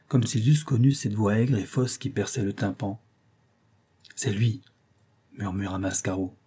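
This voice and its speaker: Man, audiobook narrator, scripted narration, measured, expressive, husky, mellow. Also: lowish voice. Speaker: audiobook reader.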